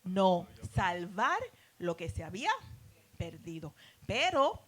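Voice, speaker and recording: A woman's voice: on the low side, big pitch swings, takes it slowly, a bit bright. A middle-aged woman teaching a Bible class in a preacherly way, addressing listeners as beloved and asking them rhetorical questions.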